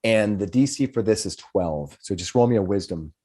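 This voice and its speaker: A man's voice: lowish voice, animated, moderate pace, mellow, husky. A man acting as game master, narrating a tabletop game casually and repeating his phrases as he explains.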